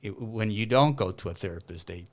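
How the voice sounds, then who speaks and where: A man from Argentina, a clinical counsellor, explaining his work in an interview with many pauses and restarts. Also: fairly low pitch, lively intonation. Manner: thoughtful, many fillers and restarts. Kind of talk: interview conversation.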